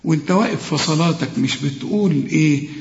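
A high-voiced man with an Egyptian accent teaches Quran recitation, moving between slow chanted verses and brisk explanation. He puts questions to his student as he goes. The recording is a dull lo-fi tape with a long, roomy echo. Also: creaky. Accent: Egyptian Arabic. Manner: alternates slow melodic recitation with quick colloquial explanation; addresses the student directly with questions. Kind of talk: tajweed lesson with recitation and explanation.

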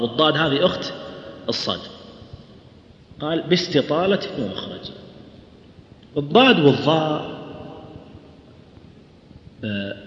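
A man lectures a class on Quran recitation, talking fast and asking his students questions. He recites verse slowly as he goes. The sound is dull and lo-fi, with a long echo from a large hall. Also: medium pitch, fairly bright tone. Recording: echoey hall, dull lo-fi sound, faint hum.

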